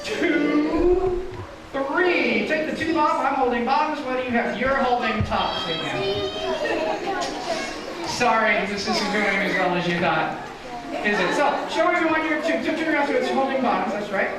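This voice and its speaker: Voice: medium pitch, moderate pace, a loud crowd. A kids party magician hosting a live children's show, talking the audience through things in simple steps. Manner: kids party magician patter, coaching a child volunteer step by step. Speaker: kids' show magician and entertainer. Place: live show in an echoey room. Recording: echoey room, far from mic, loud music.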